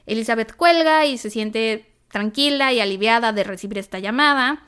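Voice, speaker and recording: Mexican lady chatting thru a crime story on a podcast, lively asides, smooth tone, kinda high. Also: normal speed. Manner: chatty, animated retelling with asides. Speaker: podcast co-host. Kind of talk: casual true-crime storytelling.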